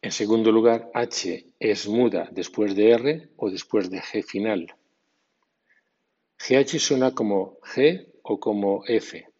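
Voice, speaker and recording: A man teaching English pronunciation in a scripted lesson, spelling out letters and reading word lists slowly and deliberately. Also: fairly low pitch, warm tone, husky. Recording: dull lo-fi recording.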